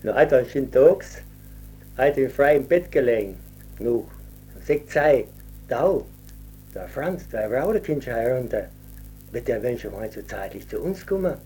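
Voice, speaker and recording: A man's voice: medium pitch, lively intonation, a little slow, long pauses, dark tone, a little hiss or hum. An older man with a who tells a rambling folk tale and acts out the people in it. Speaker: storyteller. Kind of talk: folk storytelling.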